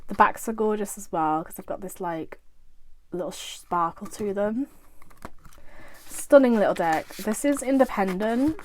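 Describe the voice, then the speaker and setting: A woman talking casually to her viewers as she shows off her tarot decks, gushing and chatty. Her voice sits at a middling pitch for a woman. She keeps piling on praise and fillers. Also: darkish tone. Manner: gushing, chatty, full of "like" and "fantastic". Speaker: tarot vlogger. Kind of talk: casual show-and-tell chat.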